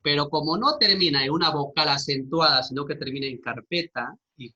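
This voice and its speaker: A man's voice: on the high side, brisk, pushed and bright, lo-fi sound. A male teacher giving a grammar lesson, explaining step by step and often checking with his students. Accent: Peruvian Spanish.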